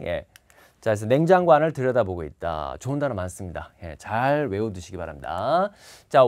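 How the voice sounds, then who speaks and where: A male instructor gives a lecture facing the camera, with a very lively, swooping pitch. He repeats key words and leans on them hard, drilling each one in. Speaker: TOEIC instructor.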